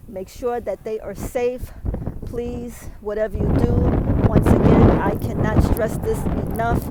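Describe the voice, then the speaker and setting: A woman's voice: on the high side, mellow, slight background noise, rough recording. Breathless New woman vlogging in snow. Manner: repeats "okay?", emphatic advice. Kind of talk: outdoor weather vlog. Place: outdoors in a snowstorm.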